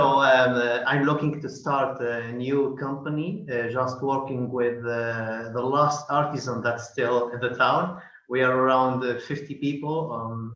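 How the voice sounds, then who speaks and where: A man's voice: medium pitch, fairly bright tone. A man from Tunisia asking a question on a webinar, hesitant and searching for words with many uhs. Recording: echoey, dull video call audio.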